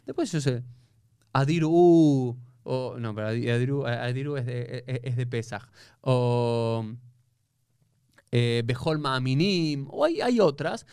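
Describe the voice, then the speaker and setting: A man's voice: medium pitch, measured pace, clear, resonant tone, no echo, clean studio sound. Argentine man explaining at length. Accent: Argentine Spanish. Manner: explanatory, animated, many restarts. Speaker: rabbi. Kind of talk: casual conversation.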